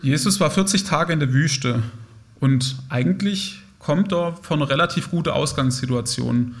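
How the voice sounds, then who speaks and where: A man's voice: on the high side, moderate pace. A young man giving a conversational, reflective sermon, speaking directly to his listeners. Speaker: preacher.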